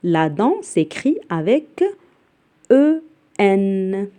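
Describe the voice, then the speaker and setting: Woman teacher, low mellow voice, spells and repeats words very slowly for kids. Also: big pitch swings. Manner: spells out letters and repeats each word slowly; glosses words in Arabic. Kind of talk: slow spelling and reading lesson for children.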